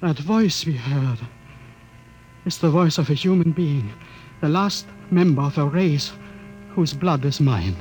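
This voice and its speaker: An actor playing a solemn, grieving scientist father in 1950s radio style, with deliberate dramatic pauses. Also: fairly high pitch, animated, darkish tone, poor audio. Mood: solemn awe. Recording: hissy old radio broadcast disc.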